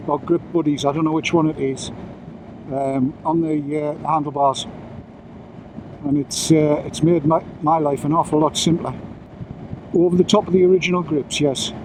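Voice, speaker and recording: Rambling biker. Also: male voice, fairly high pitch, a little mellow, slight background noise, low-quality recording. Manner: rambling, chatty, self-mocking asides. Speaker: motorcycle vlogger. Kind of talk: casual chat while riding. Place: outdoors riding a motorcycle on roads.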